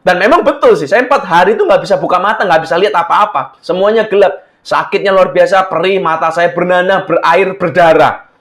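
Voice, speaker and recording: A man's voice: high-pitched, fairly quick, fairly bright tone. A man pastor preaching a sermon in a conversational way, talking straight to his congregation and slipping in English phrases.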